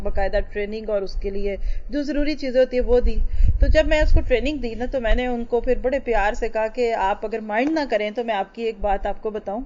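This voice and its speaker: A woman's voice: fairly high pitch, a little mellow. A woman religious teacher giving an emphatic lecture and asking her listeners rhetorical questions. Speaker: Islamic teacher. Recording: dull lo-fi recording.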